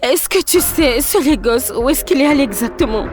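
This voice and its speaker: A heartbroken young woman, high voice, pleading a lot, faint music, french dub. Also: lively intonation, normal speed. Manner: pleading, emotional, often crying out. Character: young woman Tega, jilted and emotional. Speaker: lead actress in a film dub.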